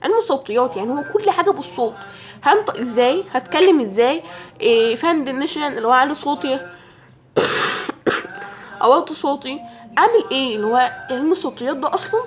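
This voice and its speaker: A woman's voice: sits high, animated, fast talker, long pauses. A young woman with an Egyptian Arabic accent, giving chatty language-learning advice straight to her viewers as if to a friend. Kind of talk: casual advice vlog.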